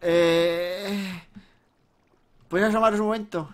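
A man from Spain with a Spanish accent, chatting excitedly while playing a video game with friends, often yelping and shouting in panic. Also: high-pitched, a little slow. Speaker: gameplay host. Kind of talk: casual gaming chat.

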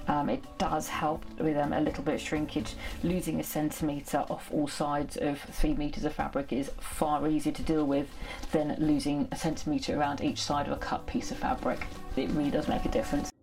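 A woman's voice: deep voice, flat delivery, normal speed, vocal fry, few pauses, darkish tone, soft background music. A middle-aged woman with a chatty, self-deprecating manner, talking casually through her sewing project at home. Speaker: sewing vlogger. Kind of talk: casual sewing vlog chat. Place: home sewing room, indoors.

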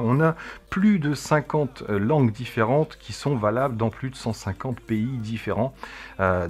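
A man's voice: medium pitch, darkish tone. A man reviewing a tech product, explaining its menus in a casual demo with frequent hesitations. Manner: explanatory, with frequent "euh" fillers.

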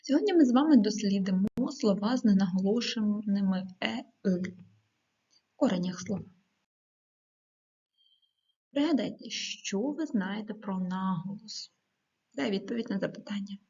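A woman teacher giving a video lesson to schoolchildren, dictating words slowly and clearly with the odd hesitant filler. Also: mid-range voice, animated, warm tone. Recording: dull lo-fi recording.

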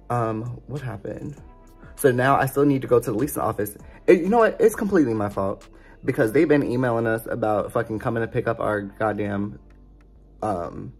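A woman's voice: extremely low pitch, a little mellow, slightly rough. A young adult woman vlogging in a casual, exasperated rant, swearing freely as she talks. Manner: profane, exasperated ranting. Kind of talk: casual ranting vlog.

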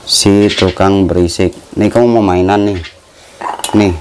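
Deep-voiced man chatting casually over background noise. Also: fairly even intonation, measured pace. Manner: slangy, talks to his birds like pets. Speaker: animal channel host. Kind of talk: casual pet vlog chat.

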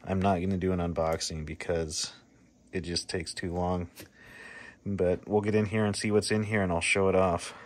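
With a deep voice, level tone, and normal speed, a man hosts a radio repair video, demonstrating the work by hand in a casual, plain manner. You can clearly hear the workshop sounds around him.

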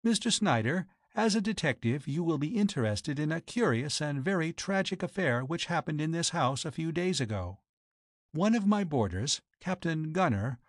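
A man's voice: on the high side, dry recording, studio quality, lightly acted. A man reading the lines of a proud, cold woman who keeps a boarding house, speaking formally and accusingly. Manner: formal, accusing, coolly biting.

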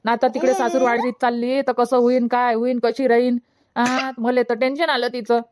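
A woman's voice: on the high side, level tone, normal speed, a little mellow, lightly acted. A woman playing a fretful, chatty village mother who is unwell.

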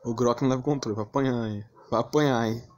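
A man with a Brazilian accent grumbles through casual, slangy commentary on his own gameplay, swearing now and then. His medium-pitched voice is steady, fast, and a little mellow. A dull lo-fi mic picks him up along with clear background noise.

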